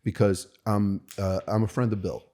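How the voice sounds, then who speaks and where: An American rabbi, a podcast guest, talks about recovery in a low, warm voice with little pitch movement. His candid conversational storytelling is thoughtful and halting, full of restarts and "right?" tags.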